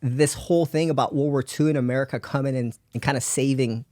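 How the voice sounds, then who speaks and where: A man's voice: mid-range voice, steady tone, fast talker, a little mellow, no room sound, clean studio sound. A man raised in Belgium, a podcast guest telling his life story in casual rambling talk with many fillers and frequent laughs.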